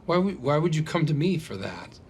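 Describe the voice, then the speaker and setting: An actor playing a small-time lawyer who sounds defensive and sheepish. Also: male voice, a little high, very animated, brisk, a little hiss or hum.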